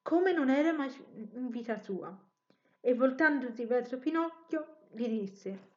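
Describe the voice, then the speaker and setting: A woman reads a children's story aloud with expression, now and then correcting a slip. Her voice is fairly high. The recording is muffled and lo-fi. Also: unhurried. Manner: expressive reading with occasional self-corrections.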